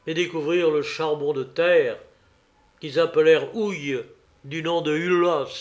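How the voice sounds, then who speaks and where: A man reading a folk tale aloud in a measured, even way. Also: on the high side, highs cut off. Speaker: narrator. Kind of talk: storybook reading.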